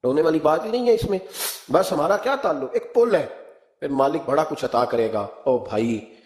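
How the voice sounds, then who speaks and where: A man's voice: a little high, expressive, darkish tone. Man, cleric, impassioned sermon, storytelling, raised voice, echoey room. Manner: impassioned, rising into emphatic rhetorical questions; storytelling, acts out quoted speech. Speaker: Islamic cleric.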